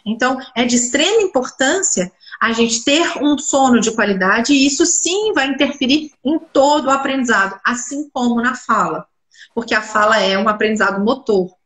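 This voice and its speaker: A congested woman speech therapist with a cold explains things in an interview, posing rhetorical questions and then answering them herself. Her voice sits on the high side, a bit bright, with lively intonation at a normal speed. The room sounds roomy and echoey.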